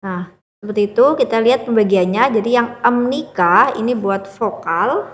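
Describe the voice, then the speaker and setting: A woman teacher walks through a beginner language lesson, explaining each point patiently and stopping often to check the listener is following. Her voice sits fairly high, and a long echo trails behind it, as if she is recording in a hard, reverberant room. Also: normal speed, lo-fi sound. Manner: patient, explains step by step with frequent "ya" and "gitu". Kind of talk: classroom-style lesson explanation.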